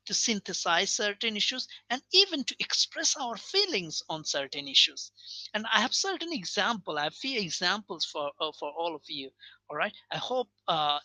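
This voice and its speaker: Bright-voiced man lecturing. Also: high voice, dry recording, rough recording. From Bangladesh. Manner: earnest, explanatory, checks in with listeners. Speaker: English teaching lecturer. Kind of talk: video lecture.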